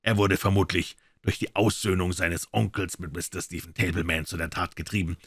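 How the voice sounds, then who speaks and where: A man's voice: deep voice, flat delivery, fairly quick, a bit bright, no room sound, studio quality, full character voice. A man voicing a suave, amiable and mocking male detective in a crime audiobook. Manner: smooth, amiable, ironic.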